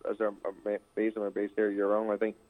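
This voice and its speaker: A man's voice: fairly low pitch, completely flat delivery, fast. A man in his thirties from Barbados, a horse trainer speaking modestly and plainly as an interview guest. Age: 30s. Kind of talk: phone-in interview. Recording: tinny phone line.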